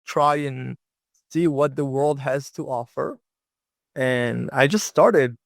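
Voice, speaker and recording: As an interview guest, a young man from Israel who travels long distances by bicycle tells his travel stories in a relaxed, chatty way with many fillers. His mid-range voice is slow and creaky, captured in clean studio sound without any room noise.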